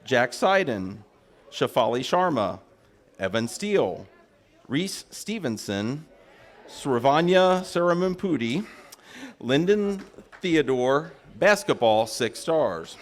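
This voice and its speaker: A man announcing at a closing ceremony, reading a list of names in a steady roll-call manner with frequent fillers. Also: medium pitch, slow pace.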